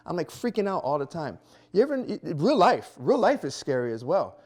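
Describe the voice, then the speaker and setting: A man in his thirties doing a stand-up comedy set, animated and self-mocking, acting out little scenes. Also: a little high, brisk. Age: 30s. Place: small performance venue before a live audience.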